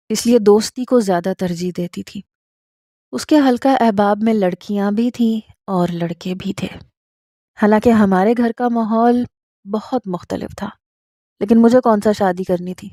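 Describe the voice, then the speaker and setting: A woman narrating a first-person romantic story in a steady, scripted reading style. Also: medium pitch, no echo, clean studio sound.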